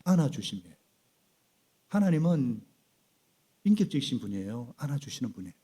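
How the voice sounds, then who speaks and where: A middle-aged male pastor preaching a sermon in a church, animated and prompting the congregation to repeat after him. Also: mid-range voice, brisk, husky. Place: church sanctuary.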